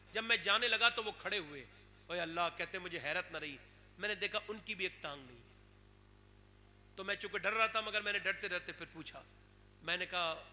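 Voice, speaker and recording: A man delivers a fervent storytelling sermon through a public address microphone, his voice high and intensely bright. He pushes into loud, emotional pleas. The sound carries a long reverb and faint background noise. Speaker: preacher. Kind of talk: storytelling sermon at a religious gathering. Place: religious gathering stage.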